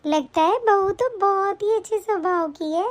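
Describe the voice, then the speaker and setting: A woman voicing a gentle, humble elderly aunt in an animated story, speaking softly and modestly. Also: very high-pitched, normal speed. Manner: soft, modest, affectionate.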